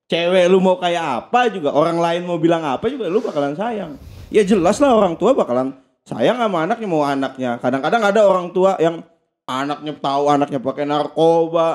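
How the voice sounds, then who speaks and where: Blunt higher-voiced man with slang. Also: a little fast, a little mellow. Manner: blunt, swears casually, laughs mid-sentence. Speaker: podcast guest. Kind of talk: casual podcast conversation.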